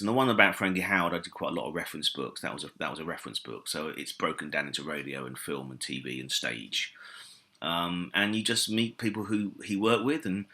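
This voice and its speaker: A deep-voiced British man, a comedy historian and author, answers interview questions with a pushed, bright sound. He is casual and enthusiastic, rambling along with plenty of fillers and restarts.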